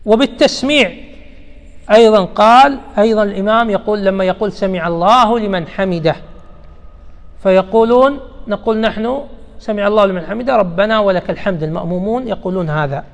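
A man's voice: high-pitched, fast, creaky. A man giving a religious lesson. He explains a text patiently and repeats the key terms. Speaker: religious teacher. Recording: long hall reverb.

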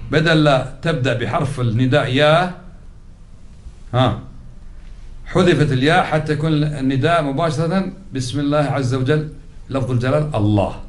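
A man teaching a religious lesson, explaining patiently, repeating key words and putting questions to his class. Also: on the high side. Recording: roomy echoey recording.

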